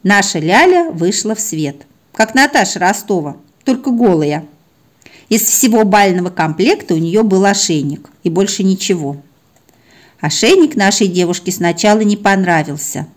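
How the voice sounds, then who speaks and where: A woman reading her own humorous story in the first person, wry and expressive. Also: medium pitch, moderate pace. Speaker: narrator.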